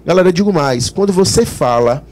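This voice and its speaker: Man, Brazilian accent, physics teacher, lively swooping voice, voices student questions. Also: high-pitched, brisk. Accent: Brazilian Portuguese. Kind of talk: live exam-prep class broadcast.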